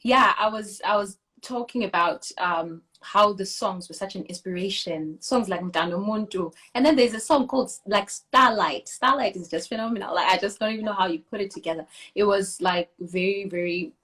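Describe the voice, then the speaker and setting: A woman's voice: mid-range voice, moderate pace, hardly any pauses, a bit bright. Young woman from Zimbabwe, enthusiastic interviewer. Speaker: singer and interviewer. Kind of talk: casual interview over video call.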